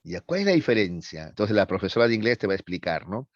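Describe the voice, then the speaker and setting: Low-voiced male teacher lecturing. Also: big pitch swings, fast talker, no room sound, lo-fi sound. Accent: Peruvian Spanish. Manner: explains with frequent checks for understanding. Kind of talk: classroom lecture. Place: classroom.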